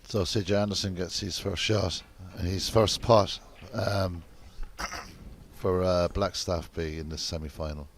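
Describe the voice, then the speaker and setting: A man with a very low voice commentates on live snooker. He talks in a measured, conversational and understated manner, with some background noise from the venue around him. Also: steady tone.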